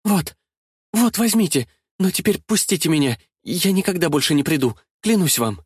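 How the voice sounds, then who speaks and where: A man's voice: sits high, lively intonation, normal speed, a little mellow, slightly rough, no room sound, studio quality, voice pushed up. A man voicing a frightened, genteel married woman who pleads in a faltering, breathless voice. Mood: pleading.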